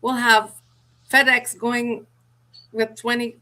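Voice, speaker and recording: A woman's voice: on the high side, little pitch movement, slow pace, pushed and bright. A middle-aged woman from Sierra Leone, an author and mortgage broker, answering interview questions in a businesslike way with small restarts.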